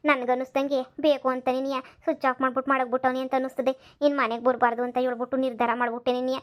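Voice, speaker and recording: A woman voicing a grieving, gossipy old village mother, lamenting in slow drawn-out cries for a cartoon comedy. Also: fairly high pitch, close to an everyday voice.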